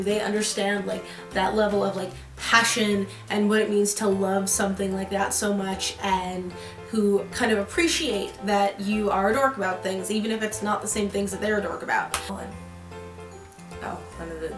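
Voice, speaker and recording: A young woman chats casually to camera from her apartment, rambling through her story with plenty of fillers and false starts. Her voice sits at an ordinary pitch for a woman. The room gives it a roomy echo, with faint music underneath. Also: a bit bright. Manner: rambling, filler-heavy, with many restarts. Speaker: vlogger. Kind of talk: casual chat.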